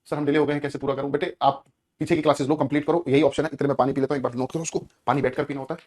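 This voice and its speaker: A man teaching an online grammar lesson in a Hindi accent, energetic, repeating key words and asking students questions. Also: mid-range voice, racing.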